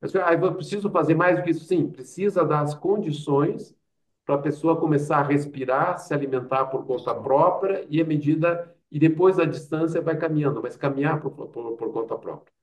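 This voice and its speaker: A man's slightly high voice comes through at a moderate pace, far from the microphone, carrying a Brazilian accent. He's an interview guest, a doctor and public health expert, who relates anecdotes conversationally and explains things with rhetorical questions and quoted asides.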